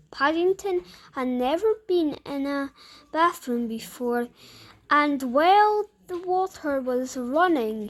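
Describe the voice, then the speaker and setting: A woman reads a picture book aloud in a high voice, slow and unhurried. She keeps breaking off for playful, chatty remarks about the pictures. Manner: playful, chatty commentary between lines. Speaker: storybook reader.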